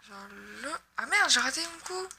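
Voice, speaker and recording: A woman's voice: high-pitched, animated, moderate pace, creaky, sharp tone, a little hiss or hum. A young woman with a Québécois accent from Quebec, chatting and joking casually over her gameplay, swearing when she misses. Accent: Québécois French. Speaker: gaming YouTuber.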